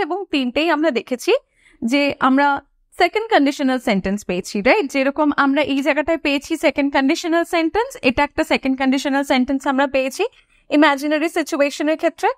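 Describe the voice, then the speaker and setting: A woman teaching an English lesson. She explains each point and asks her students questions, then slows down to say each English example sentence clearly. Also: high voice, no echo, clean studio sound. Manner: asks the class questions, then answers them. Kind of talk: classroom explanation.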